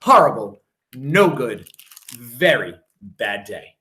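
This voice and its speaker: At a medium pitch, a man who teaches reads from a picture book for kids, lingering dramatically on the phrases that repeat.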